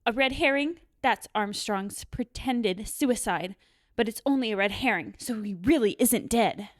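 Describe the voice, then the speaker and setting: A woman's voice: on the high side, a little slow, dry recording, studio quality, lightly acted. A woman reading the part of a poised young woman, a schoolteacher type, in a plain reading. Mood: earnest.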